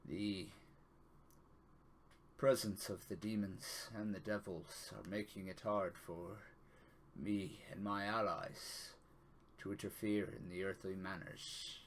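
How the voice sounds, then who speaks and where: Game-master man, low and unhurried, on a call that stutters and buffers as it drops out, faint hiss behind. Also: fairly even intonation, low-quality recording. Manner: slow, halting delivery with long pauses. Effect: connection dropping out in a buffering stutter. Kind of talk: narrating a tabletop game over a call.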